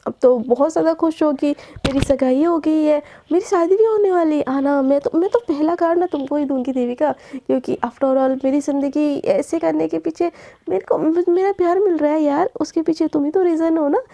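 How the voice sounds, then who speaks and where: A woman's voice: sits high, moderate pace, warm tone. A woman voicing an angry young college woman, scornful and snapping, in a casual spoken story.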